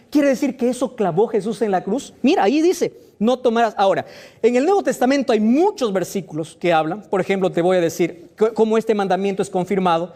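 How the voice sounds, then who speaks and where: A man's voice: very high voice, a little mellow. A pastor preaching a sermon, firing rhetorical questions at his listeners with emphatic delivery.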